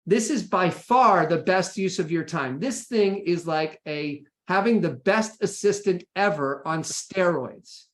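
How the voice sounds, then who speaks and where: A man from the United States talks in a high pitch, a little slowly and with hardly any pauses. He presents an informal, practical session in a chatty way, checking in often with "right?" and "okay?". The recording carries echoey room sound.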